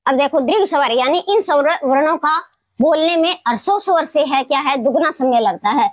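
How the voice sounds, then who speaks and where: A woman teacher explaining grammar in a classroom lesson, repeating key words slowly and answering her own questions. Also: high voice, animated, dry recording. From Rajasthan, India. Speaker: Hindi teacher.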